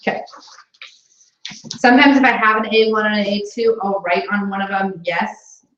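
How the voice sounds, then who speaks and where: A woman's voice: medium pitch, normal speed, a bit bright, slight background noise. A woman in a roomy indoor space talks new recruits through how the business works, chatty and encouraging. Her voice sounds slightly dull, as if recorded on a basic camera. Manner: chatty and encouraging, many fillers. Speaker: sales director coaching new consultants. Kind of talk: casual training talk with a live booking call.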